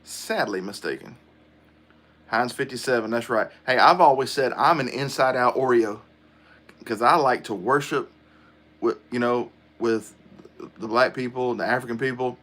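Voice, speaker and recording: A middle-aged man hosts a relaxed livestream chat. He talks in a casual, rambling way and answers viewer comments aloud as they come in. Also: mid-range voice, moderate pace. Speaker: livestream host.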